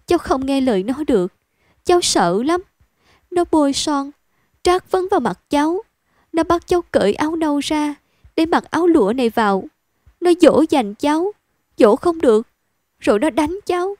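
A woman narrator takes on a frightened young girl, her voice high and pleading as it breaks with tears. It's a dry, close storybook reading with no room around it. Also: moderate pace, mellow, no room sound. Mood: tearful pleading.

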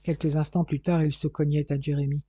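A man narrating a novel as an audiobook in a steady, even storytelling manner. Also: a little high, fairly quick, slightly rough, dry recording. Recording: muffled, dry lo-fi recording.

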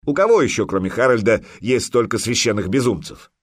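A man's voice: mid-range voice, very animated, a little fast, husky, dry recording, clean studio sound. A man playing a roaring proud Viking jarl. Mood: commanding. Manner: roaring, forceful commands.

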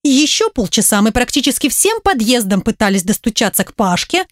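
A woman narrating an audiobook in the first person, with a lively, ironic storytelling manner. Her voice sits fairly high, and the recording is close and dry. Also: a little fast, no room sound. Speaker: audiobook reader.

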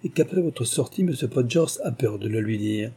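A man's voice: medium pitch, lively intonation, normal speed, mellow, slightly rough. A man reading an audiobook, voicing a fussy, chattering elderly society marquise in a raised voice. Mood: eager.

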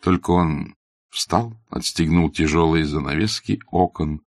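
A man narrating a classic novel as an audiobook in a measured, even reading. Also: very deep voice, no room sound, clean studio sound. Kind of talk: scripted literary narration.

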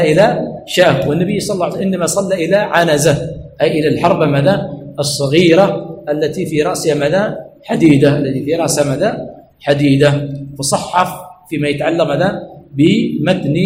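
A man's voice: a little high, a little mellow. A man teaching a classroom lesson on hadith terms, constantly asking rhetorical questions and then repeating the answer himself. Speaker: sheikh teaching hadith terminology. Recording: echoey room with faint background noise.

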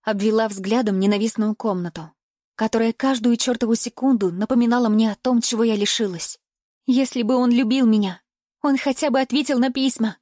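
A woman's voice: a little high, a little mellow, dry recording. A woman narrating a first-person audiobook in an emotive storytelling manner, close to the mic.

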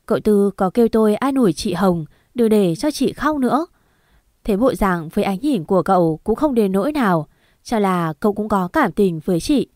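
A woman's voice: mid-range voice, darkish tone, dry recording. Woman narrating a story, dry sound. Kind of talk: first-person story narration.

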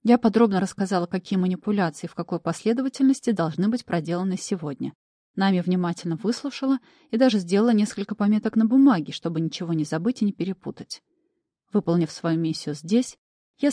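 A woman narrating a first-person audiobook in a lively, wry storytelling manner. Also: fairly low pitch, brisk, dry recording, studio quality.

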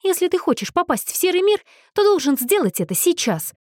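A woman reading an audiobook, voicing a sharp, sorrowful young man who speaks intensely. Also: very high voice, sing-song, fairly quick, dry recording, studio quality, pitched above the performer's own voice. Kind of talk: audiobook character voice.

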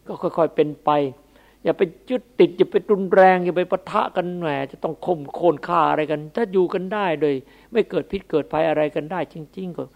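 A man's voice: fairly high pitch, gravelly, muffled recording. A man, a Buddhist monk, giving a homely, chatty sermon that breaks into chanted scripture verses.

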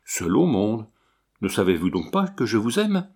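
A man's voice: fairly low pitch, wildly swooping pitch, brisk. An ardent young officer speaks with earnest urgency, as a man reads him aloud. He is wounded yet passionate, pressing his points plainly. The voice stays close to a reader's own. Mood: earnest, urgent.

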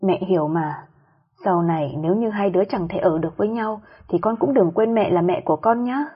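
A woman voicing an elderly mother-in-law who turns from gentle pleading to scolding, with a breathy voice. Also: medium pitch, fairly quick, lo-fi sound, close to an everyday voice. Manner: scolding, raised voice. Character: stern elderly mother-in-law, tender then furious.

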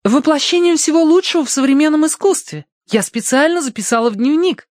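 A man's voice: brisk, no echo, clean studio sound. A man voicing a haughty, imperious young rich lady who scolds and commands her servant. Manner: shrill, commanding, indignant.

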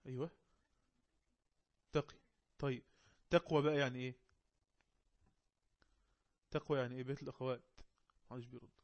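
A man with an Egyptian Arabic accent, teaching an online English lesson. He reads the English text slowly and explains it quickly in Arabic. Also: mid-range voice, steady tone, highs cut off.

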